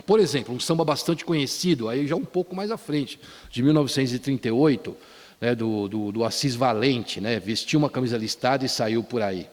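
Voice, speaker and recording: A man's voice: medium pitch, fairly quick. A man giving an academic lecture at a conference, often ending phrases with a tag question and restarting words. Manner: frequent tag questions and restarts, quotes lyrics. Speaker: conference speaker. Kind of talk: academic lecture on popular song. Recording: reverberant hall.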